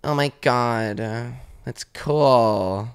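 A woman's voice: lowish voice, expressive, takes it slowly. A woman voicing a whiny, bored young woman who is always complaining, drawling and sarcastic, as a comedy podcast impression.

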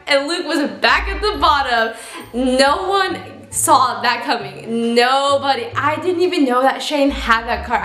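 A woman's voice: sits high, pushed and bright. A young woman, a reality show contestant, gleefully recounting a twist in a confessional. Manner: gleeful, laughing through her words. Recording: roomy echo.

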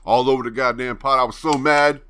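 A man's voice: medium pitch, fairly even intonation, a little fast, bright, forceful tone, clear, resonant tone. A young man from Virginia, hosting his channel, telling a story in a laid-back, rambling way and swearing freely. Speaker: channel host. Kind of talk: casual storytelling to camera.

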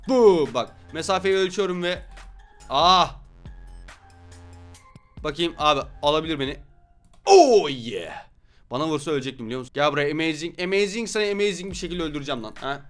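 A young man with a high, bright voice calls his game as he plays it, loud and full of jokes, cursing at his rivals. Faint game music runs under his voice. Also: expressive, a little fast. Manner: loud, joking, swears at opponents. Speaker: gaming YouTuber. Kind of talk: excited gameplay commentary.

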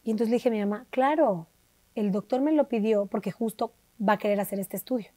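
A woman with a Mexican accent tells her story in an interview, animated and chatty. She acts out dialogue, shifting her voice for each person she quotes. Her voice sits fairly high and the sound is dry and close. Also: brisk, dry recording. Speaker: interview guest. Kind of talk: conversational storytelling.

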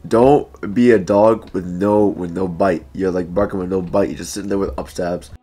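A man's voice: low-pitched, fairly even intonation, normal speed, mellow, faint music behind. A man leading his squad in casual gaming voice chat, giving orders and calling out enemy positions. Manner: directive, calls out positions and orders. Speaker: squad leader giving team calls.

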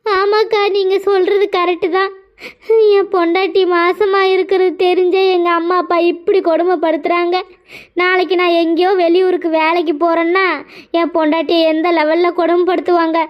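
A woman's voice: very high-pitched, flat delivery, a little fast, lo-fi sound. Woman voicing a tearful young husband. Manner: pleading, emotional. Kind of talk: cartoon voice acting.

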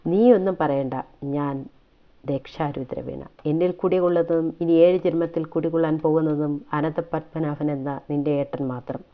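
A woman's voice: low-pitched, steady tone, moderate pace, narrow, tinny audio. A woman voicing a heartbroken young woman who pleads through tears. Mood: pleading. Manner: pleading, breathless and tearful. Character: young woman weeping over her love.

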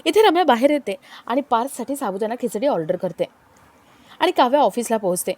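A woman narrates a story in an even, plain telling. Her voice sits a little high. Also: a little fast.

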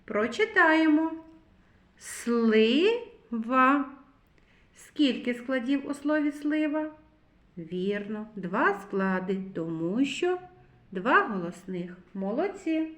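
A woman's voice: a little high, expressive. A woman teaching a phonics lesson to young children, drawing out each word and spelling sounds out one by one. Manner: slow, drawn-out words, sounds spelled out one by one. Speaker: preschool teacher. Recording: echoey room.

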